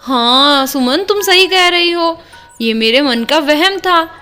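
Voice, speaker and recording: Casual: scared young wife woman doing her, squeaky high, panicky, slow talker. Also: lively intonation, sharp tone, faint music behind, exaggerated voice. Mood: relieved. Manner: anxious, shrill when scared. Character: timid young wife who fears the witch. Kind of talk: doll-play storytelling.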